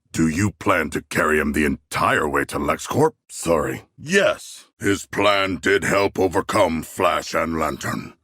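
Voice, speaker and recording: An actor playing a huge, proud but earnest and anxious shark demigod in a video game, speaking in formal, stilted, literal-minded phrases. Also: male voice, low-pitched, fairly bright tone, slightly rough, no echo, clean studio sound, heavily acted. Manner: formal, stilted, solemn phrasing with few contractions. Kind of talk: video game character dialogue.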